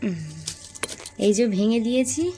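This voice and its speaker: A woman's voice: a little high, a little slow, mellow, faint music behind. A young woman chatting casually to her viewers while filming her family home and garden. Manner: chatty, talks straight to viewers. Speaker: vlogger.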